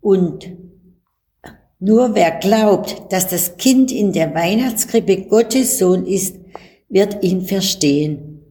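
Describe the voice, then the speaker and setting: A woman reading the part of a kindly father explaining a story to his son, thoughtful and gentle. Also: mid-range voice, slow, lightly acted.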